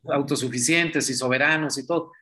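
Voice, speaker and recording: A man talks politics in a loose, conversational way, his voice sitting a little high for a man. He keeps tossing in rhetorical questions as he builds his point. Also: fairly even intonation, brisk, sharp tone, slight background noise. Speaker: political commentator. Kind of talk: casual political talk.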